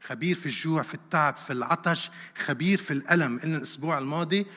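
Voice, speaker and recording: A man's voice: on the high side, racing, sharp tone. Man, preaching, rhetorical questions, repeated verses, long echo of a hall. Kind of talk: sermon.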